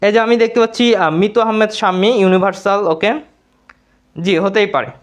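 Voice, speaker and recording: A man's voice: high-pitched, fairly quick. A man with a Bangladeshi Bengali accent teaching English grammar in a live online class, repeating words and answering his own questions.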